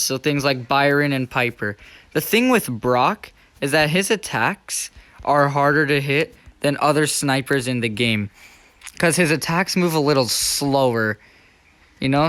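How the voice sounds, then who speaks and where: A man's voice: fairly high pitch, a bit bright. A man giving casual, chatty, self-deprecating listicle countdown commentary over video gameplay as the host.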